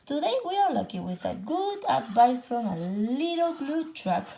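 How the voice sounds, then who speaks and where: Slow, sing-song woman reading a picture book. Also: high voice, gravelly. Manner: lively, sound effects in a sing-song voice; switches between two languages line by line. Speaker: children's storyteller.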